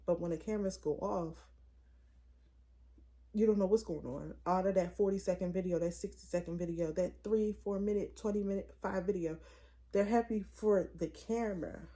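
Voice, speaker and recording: Opinionated young woman vlogger, warm voice. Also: on the low side. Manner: animated, opinionated, lots of "like" and "it's like". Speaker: vlogger host. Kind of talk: casual chat to camera.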